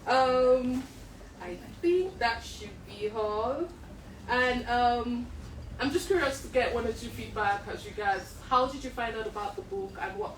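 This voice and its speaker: Woman, book club host, chatty, fairly high voice, distant mic in a noisy room. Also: reverberant. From Nigeria. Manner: chatty, laughs often with the audience. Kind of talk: live event hosting. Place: library event room with an audience.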